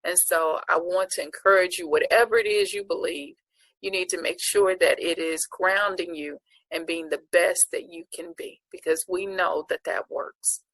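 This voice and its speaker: A woman with a husky, gravelly voice delivers an earnest, preacher-like speech of encouragement. Her tone sits on the low side, and the recording is dry and close with no room sound. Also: steady tone, moderate pace, fairly bright tone, dry recording, low-quality recording. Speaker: award honoree giving a speech. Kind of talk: inspirational speech.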